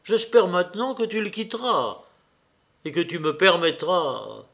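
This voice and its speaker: A man's voice: high-pitched, sing-song, measured pace, creaky, fairly bright tone, voice pushed up, exaggerated voice. A man reading the part of a troubled young officer, speaking earnestly and imploringly to the woman he loves.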